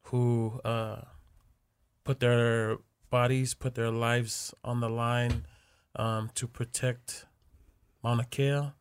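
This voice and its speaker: A man co-hosting a casual talk show, relaxed and slangy, laughing easily. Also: mid-range voice, slow, smooth. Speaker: radio show co-host. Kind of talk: casual radio chat.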